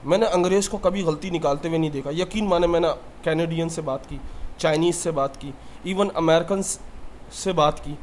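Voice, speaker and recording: A man's voice: on the high side, a little mellow, slight background noise. A man who teaches English and talks earnestly about his own mistakes in a motivational lesson.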